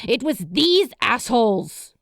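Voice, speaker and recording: A woman voicing a defensive, easily flustered nonbinary young spirit with a tight, squeaky, indignant voice in an audiobook. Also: sing-song, slow, gravelly, no room sound, clean studio sound, full character voice.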